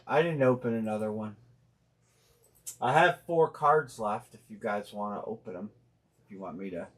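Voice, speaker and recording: A man with a fairly low voice hosts a casual live stream about sports collectibles, thinking out loud as he goes. He talks bluntly and drops slang, and he trails off and restarts his sentences often. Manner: rambling, thinking aloud with many fillers and restarts; plainspoken and blunt, uses slang. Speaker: host of a live sports card break stream.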